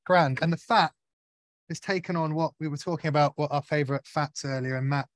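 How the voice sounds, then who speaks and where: A man's voice: on the high side, fairly quick, dry recording. Man, co-host, casual chat, curious, self-deprecating, dry. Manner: chatty, asks questions, self-deprecating. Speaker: butcher co-host. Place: outdoors at a barbecue.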